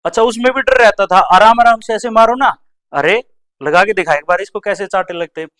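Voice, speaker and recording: Man, young adult, stand-up comedian, animated storytelling, slightly high voice, smooth clear tone. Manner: animated, acts out teachers and classmates in quick voices. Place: comedy club stage.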